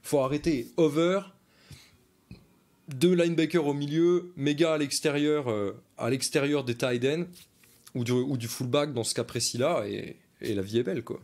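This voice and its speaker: A man's voice: mid-range voice, moderate pace, a little mellow. A man, coaching live as he breaks down football game film for viewers, chatty and casual, repeating his points and reading out viewer comments.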